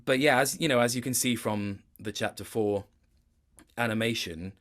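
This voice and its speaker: In an interview chat about his performance work, a guest voice actor explains things reflectively, speaking in stop-start phrases. He has a medium-pitched, fairly bright voice and talks at a normal speed.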